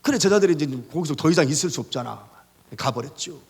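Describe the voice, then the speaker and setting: A male pastor giving a sermon, telling stories in an animated way and putting rhetorical questions to the congregation. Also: a little high, quick pace, husky, in a large hall. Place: church sanctuary.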